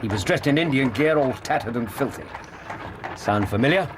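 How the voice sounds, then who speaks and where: An actor playing a loyal, practical English gentleman doctor in a radio drama, with a dry, mildly put-upon manner. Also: mid-range voice, expressive, normal speed, noisy background, lightly acted. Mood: quietly pleased.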